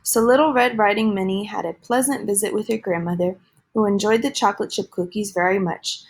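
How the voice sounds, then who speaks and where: A woman reading a children's storybook aloud in a gentle, lively storytelling manner. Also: medium pitch, a little fast, husky.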